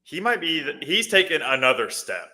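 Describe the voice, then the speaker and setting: A man's voice: on the high side, sing-song, moderate pace, bright, forceful tone. A man giving casual sports analysis, chatty and thinking aloud with fillers.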